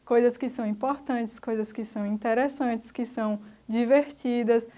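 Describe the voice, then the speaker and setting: A Brazilian woman with a high voice teaches a recorded lesson for young pupils. She goes patiently through each example, step by step. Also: steady tone, normal speed, warm tone. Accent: Brazilian Portuguese. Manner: patient, explaining step by step to children. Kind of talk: recorded remote school lesson.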